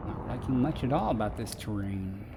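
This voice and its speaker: A man's voice: lowish voice, expressive, moderate pace, vocal fry, noisy background. A man streaming a space game, chatting casually with viewers and musing aloud with dry sarcasm. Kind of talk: casual gameplay chat with viewers.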